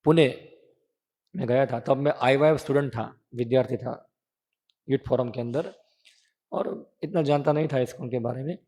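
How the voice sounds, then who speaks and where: A man's voice: medium pitch, normal speed, long pauses, warm tone. Man preaching in an echoing hall. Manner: conversational, asks the audience questions and answers them. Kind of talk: sermon.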